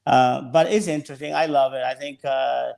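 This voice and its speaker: Male sommelier guest, gravelly mid-pitched voice, relaxed and unhurried, often feeling for the next word. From El Salvador. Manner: relaxed, searching for words. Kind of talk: casual interview chat.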